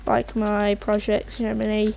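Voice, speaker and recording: A woman's voice: mid-range voice, completely flat delivery, measured pace, vocal fry, a little mellow. A woman casually rambling over her gameplay as a channel host, hesitant and meandering as she thinks aloud. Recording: muffled mic with faint background noise, keyboard typing.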